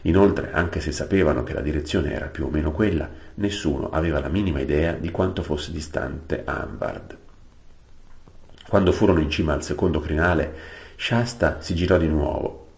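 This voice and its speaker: A man narrating a storybook aloud, unhurried, adding plain-word glosses. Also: a bass voice, vocal fry, a little mellow. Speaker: audiobook reader. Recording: roomy echo.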